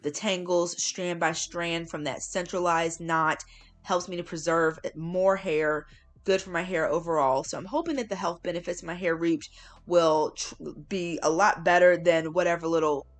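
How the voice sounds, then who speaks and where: A woman with a slightly low-pitched voice narrates a casual how-to vlog. She talks in an informal, chatty way and stresses words for emphasis. It sounds like a relaxed voiceover explaining a routine step by step. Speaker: hair care vlogger.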